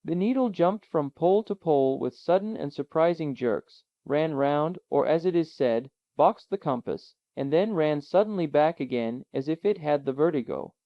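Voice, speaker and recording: A man reading a classic adventure novel aloud in a measured, dramatic narration. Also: on the high side, lively intonation, no echo. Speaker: audiobook narrator. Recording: dull, lo-fi, dry.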